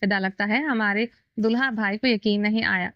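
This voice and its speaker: A woman's voice: mid-range voice, normal speed, no room sound, close to an everyday voice. A woman voicing a playful young man teasing his sleepy brother on his wedding day. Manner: teasing, amused. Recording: dull lo-fi dry recording.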